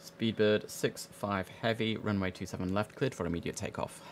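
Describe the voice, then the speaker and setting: A man streams himself running an airport tower, mixing chatty slang with controller calls. His voice sits low and gravelly, croaky from the early hour, with a clear hiss of noise around him. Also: fairly even intonation, normal speed. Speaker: streamer playing an air traffic control game. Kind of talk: casual live-stream commentary with radio calls.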